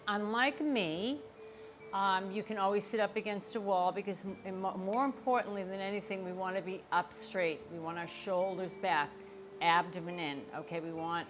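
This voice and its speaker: An older woman leads a yoga class in a fairly high voice. She explains each step in an encouraging way, speaking straight to viewers. Music plays clearly behind her. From Boston area, United States. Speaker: yoga instructor. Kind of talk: instructional class talk to viewers.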